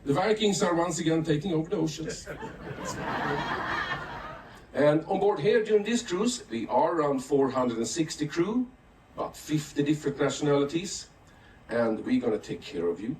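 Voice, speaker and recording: A man's voice: on the high side, lively intonation, normal speed, darkish tone, a little hiss or hum. A man from Sweden, a ship captain giving a jovial welcome speech to passengers. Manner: jovial, jokey, addressing a crowd. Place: ship's theater stage. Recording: roomy hall audio from a distance.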